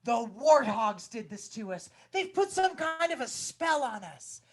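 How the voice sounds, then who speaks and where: A woman's voice: on the high side, sing-song, unhurried. A woman voicing indignant storybook animals. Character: crowd of quarrelling savannah animals.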